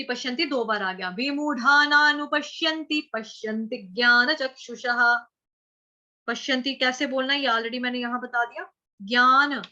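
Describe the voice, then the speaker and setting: High, bright-voiced woman teaching chanting slowly. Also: dull audio. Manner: patient, repeats syllables slowly and chants verse lines. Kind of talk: slow step-by-step pronunciation lesson.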